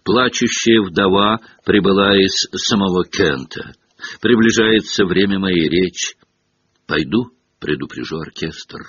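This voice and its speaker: A courteous, mournful old-fashioned ghost in a storybook, voiced by a man, speaking low and husky with stiff politeness, on a dull, dry recording. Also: a little slow, fairly bright tone, dry recording, heavily acted. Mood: glum courtesy. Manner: courteous, gloomy. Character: proud, mournful gentleman ghost.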